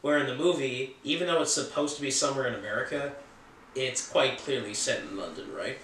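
Casual male film reviewer, opinionated and joking, middle pitch, roomy distant sound. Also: brisk, a bit bright, slight background noise. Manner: chatty and opinionated, with offhand jokes.

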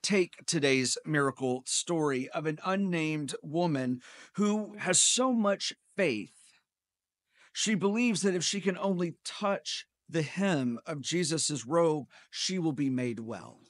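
A middle-aged male pastor delivers a sermon from a church pulpit, speaking into a gooseneck microphone. His voice sits a little high and moves at an unhurried, deliberate pace, with a dry, close sound. He tells personal stories with a gentle, wry humor. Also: animated, no room sound. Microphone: pulpit gooseneck mic.

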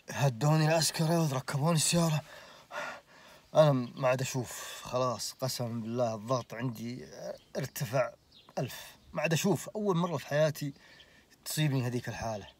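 A young Saudi man in his late twenties recounts a story in casual talk. He speaks with lively energy and keeps swearing oaths to stress his point. His voice sits at an ordinary male pitch. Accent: Saudi Arabic. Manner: animated, swears oaths, laughs through the story.

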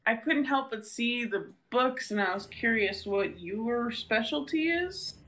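Slow, halting woman tabletop player. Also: fairly high pitch, animated, a bit bright, poor audio. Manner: hesitant, halting, giggly. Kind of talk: tabletop role-play, in and out of character.

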